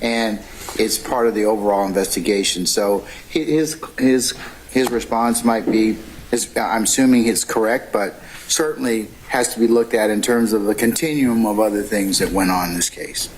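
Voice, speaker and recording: A man's voice: on the low side, normal speed. A man speaking as a judge, giving a ruling from the bench in a courtroom. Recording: faintly noisy courtroom audio.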